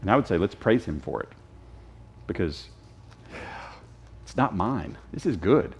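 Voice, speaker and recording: A man teaches a Sunday school lesson in a church classroom. His fairly low voice swings widely in pitch as he jokes and quizzes his class in a casual, animated way. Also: measured pace, breathy edge. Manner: lively, joking, quizzes the class.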